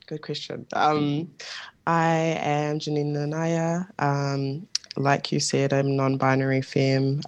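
Creaky, hesitant New guest. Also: medium pitch. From New Zealand. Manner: hesitant, many ums, laughs lightly. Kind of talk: casual interview chat.

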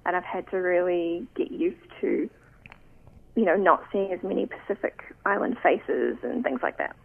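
Creaky-voiced New woman on a tinny line. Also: fairly low pitch, expressive. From New Zealand. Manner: thoughtful, searching, many pauses. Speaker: photographic artist, guest. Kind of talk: reflective interview talk. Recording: tinny phone-line sound.

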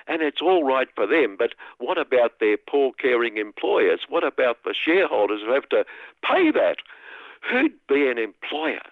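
A man's voice: medium pitch, sing-song, normal speed, no echo. Sarcastic man on radio. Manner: sarcastic, mock-outraged. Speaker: satirical radio commentator. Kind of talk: scripted satirical commentary. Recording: dry, tinny radio line.

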